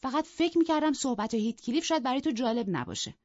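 A woman voicing a proud, sharp-tongued young woman who mocks and scolds in an audiobook. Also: high voice, expressive, no echo, pitched above the performer's own voice. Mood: scornful. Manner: cutting and mocking. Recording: dull, dry lo-fi recording.

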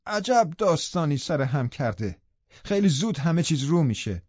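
A man reading an audiobook voices a sharp-tongued middle-aged woman housekeeper who scolds and threatens. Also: fairly high pitch, very animated, slightly rough, no room sound, highs cut off, pitched above the performer's own voice. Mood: scornful. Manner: scolding, urgent. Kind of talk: audiobook character voice.

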